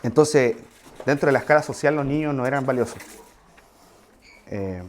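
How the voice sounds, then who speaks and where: A man's voice: medium pitch, moderate pace, slight background noise. A man preaching a sermon in a conversational way, with asides and questions to the congregation.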